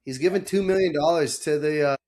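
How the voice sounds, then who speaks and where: A man talking sports casually like a frat bro, animated and slangy, with heavy swearing and mimicked voices in his retellings. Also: a little high, fairly quick. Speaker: sports podcast host.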